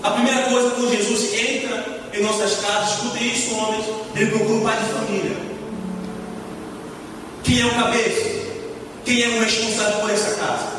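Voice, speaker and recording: A man's voice: high-pitched, level tone, moderate pace, background noise. A man from Rio de Janeiro with a Carioca accent, a deacon preaching a sermon with emphasis and repeating his key phrases. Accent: Carioca Brazilian Portuguese. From Rio de Janeiro, Brazil. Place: church hall. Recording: echoey hall, mic far off. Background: music playing.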